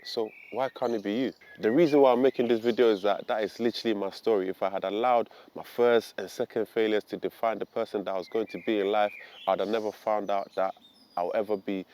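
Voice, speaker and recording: Earnest man from Ghana, lowish voice. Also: darkish tone. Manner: earnest and reflective, with frequent "you know" fillers. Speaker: vlogger. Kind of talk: personal storytelling to camera.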